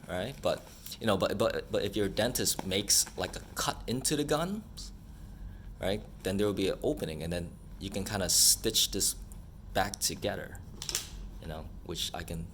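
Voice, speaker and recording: A man's voice: fairly low pitch, normal speed, pauses often, fairly bright tone, a little hiss or hum. A man explaining a dental matter in a casual, conversational way, feeling out his phrasing as he goes and often checking in with the listener. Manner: conversational, hesitant, checks in with "right?". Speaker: dental professional explaining to patients.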